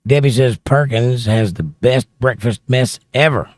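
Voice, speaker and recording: With a medium-pitched, darkish voice, a man talks a little slowly as he reads out viewer comments on his casual livestream and chats about them. He uses a close studio mic near his mouth, and there's no room sound.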